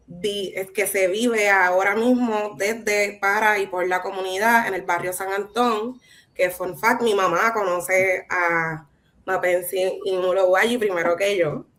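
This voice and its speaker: A woman's voice: mid-range voice, a bit bright. A woman with a Puerto Rican Caribbean Spanish accent speaking reflectively in a conversational artist talk, often checking in with little tag questions. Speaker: visual artist, guest speaker.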